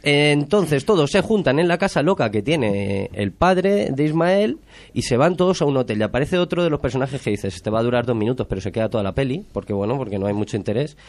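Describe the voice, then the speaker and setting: A man's voice: medium pitch, lively intonation, fairly quick, a little mellow. A man with a Spain Spanish accent, chatting casually as a podcast host and mockingly retelling a film plot. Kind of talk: casual film review chat.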